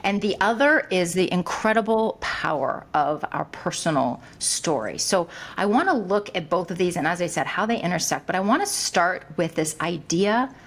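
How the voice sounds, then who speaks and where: A woman's voice: on the low side, expressive, moderate pace, hardly any pauses. A woman hosting a podcast interview, asking probing follow-up questions. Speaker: podcast host.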